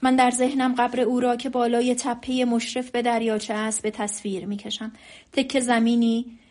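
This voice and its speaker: A woman narrating an audiobook in a calm, even storytelling manner. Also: on the high side. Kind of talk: audiobook reading.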